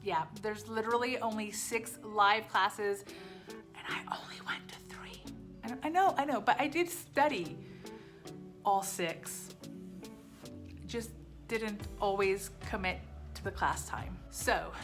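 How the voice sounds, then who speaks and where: Speaking slowly, with long pauses and a fairly bright, animated tone, a medium-pitched woman vlogs about her time in language classes. Japanese was her first language, and she's frank and self-mocking, frequently repeating short phrases. Faint music plays behind her.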